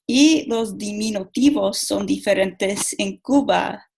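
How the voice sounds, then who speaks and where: A young woman talks through a class presentation at a slow, unhurried pace, stopping and restarting her words often. Her pitch sits in a middle range. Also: vocal fry, a little mellow, low-quality recording. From Mexico. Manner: halting, many restarts and repeated words. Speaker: student giving a class presentation. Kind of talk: school presentation.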